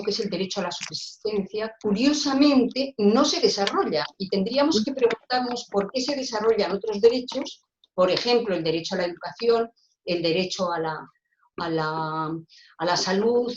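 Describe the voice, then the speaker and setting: Earnest woman, roomy lo-fi call. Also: mid-range voice. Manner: earnest, searching for words, many restarts. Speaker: guest speaker. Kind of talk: discussion talk on social rights. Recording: roomy, dull lo-fi call audio.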